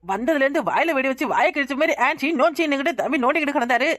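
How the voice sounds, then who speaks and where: A woman with a Tirunelveli Tamil accent voicing a cartoon village woman, talking quickly and lamenting. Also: high-pitched, a bit bright, no room sound, studio quality.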